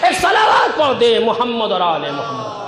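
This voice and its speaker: Male cleric, fiery sermon, very high and lively pitch, shouted peaks, echoey hall. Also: over a noisy crowd, very noisy. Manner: preaching with rising shouted peaks and quotes in Arabic. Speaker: Shia cleric giving a majlis sermon. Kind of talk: impassioned religious sermon.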